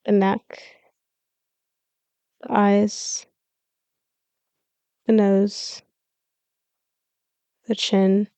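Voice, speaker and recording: With a smooth, mid-range voice, a woman guides listeners through a scripted yoga nidra meditation, giving calm, soothing, measured instructions and pausing along the way. The recording is dry.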